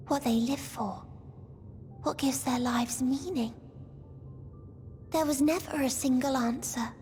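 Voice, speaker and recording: Over music in a video game cutscene, a woman voices a gentle, sorrowful otherworldly girl. She speaks slowly in a high, soft, breathy voice, solemn and poetic, with a mood of tender wonder.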